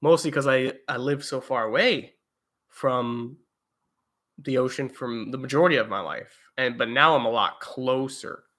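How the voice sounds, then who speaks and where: A young man from the eastern United States hosts a casual livestream from indoors at home, reading viewer comments and rambling with many fillers and restarts. His medium-pitched voice is bright and forceful, moving at a moderate pace.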